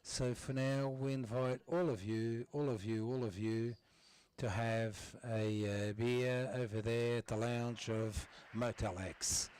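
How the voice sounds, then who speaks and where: A man interprets formal speeches live in English. His voice sits at an average male pitch. He goes slowly, stopping and starting as he assembles each phrase. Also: steady tone, darkish tone, clean tone. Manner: halting, stop-and-start delivery. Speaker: simultaneous interpreter.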